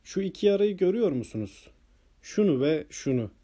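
A man voicing a small, excitable male doctor who earnestly explains what he has found, in an audiobook reading. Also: high-pitched, fairly quick, pitched above the performer's own voice. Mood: explaining.

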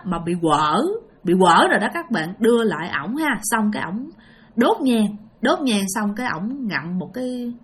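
A woman with a Southern Vietnamese accent telling a ghost story casually, chatting straight to her listeners. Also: mid-range voice. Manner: animated, addresses listeners directly.

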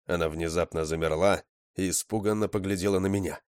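A man narrating an audiobook in an expressive storytelling manner. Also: low-pitched, fairly quick, dry recording, clean studio sound.

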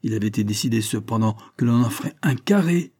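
A man voicing a sharp-tongued, domineering older spinster in an audiobook. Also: fairly low pitch, animated, fast talker, husky. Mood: angry. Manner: scolding, domineering.

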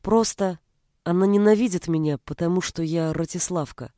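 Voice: mid-range voice, normal speed, a little mellow, no echo, studio quality, lightly acted. A reader voicing a proud, hurt young peasant woman who speaks indignantly and coldly, in an audiobook. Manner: indignant, cold. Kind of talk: audiobook character reading.

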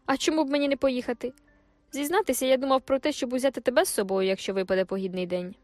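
A woman's voice: sits high, fast, darkish tone, no room sound, faint music behind, voice pushed up, lightly acted. A woman reading the lines of a brash, dismissive young male soldier, curt and commanding. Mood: brusque.

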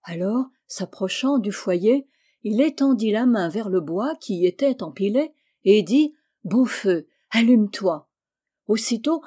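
A woman reading a fairy tale aloud as storyteller, in a measured, expressive way. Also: medium pitch.

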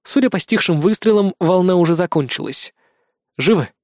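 A man reads a first-person novel aloud in an expressive, wry way. His voice sits high for a man. The recording is dry and close, with no room. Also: a little fast, no echo. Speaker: audiobook narrator.

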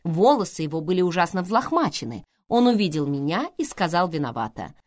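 Brief: woman narrator, ironic audiobook read, lively pitch, dry close mic. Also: a little fast, no echo. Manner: expressive, ironic. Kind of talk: first-person novel narration.

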